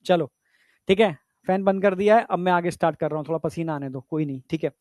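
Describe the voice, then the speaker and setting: A man's voice: a little high, quick pace, a little mellow, no echo, studio quality. A man teaching a biology exam-prep lecture in a chatty way, often checking whether students follow. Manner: chatty, repeats "theek hai" often, asks students if they follow. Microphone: lapel mic.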